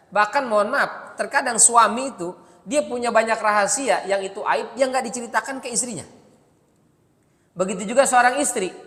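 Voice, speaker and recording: A preacher gives a mosque sermon in a casual, humorous storytelling way, asking the congregation questions. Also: male voice, sits high, bright, forceful tone. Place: mosque hall. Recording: long reverb of a mosque hall.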